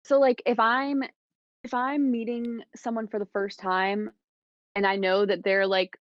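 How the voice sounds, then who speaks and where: A young woman from the Midwest, a podcast guest chatting casually, full of fillers and animated retellings. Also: fairly high pitch, measured pace, no echo. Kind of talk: casual chat. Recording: dull lo-fi sound, dry.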